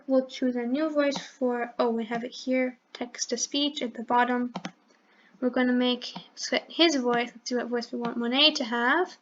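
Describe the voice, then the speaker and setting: A woman with a high, sharp voice hosts a screen-recorded coding tutorial in lo-fi sound. She thinks aloud step by step, correcting herself as she clicks through the program.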